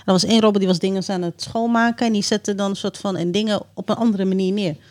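A woman co-hosting a podcast in casual chat, talkative and quick to laugh. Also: mid-range voice, steady tone, darkish tone. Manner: chatty, laughs often, many fillers. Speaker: podcast co-host.

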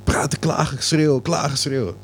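A man co-hosting a casual podcast, telling stories in a lively way and slipping in English slang. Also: on the high side, moderate pace, husky, faint music behind. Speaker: podcast co-host.

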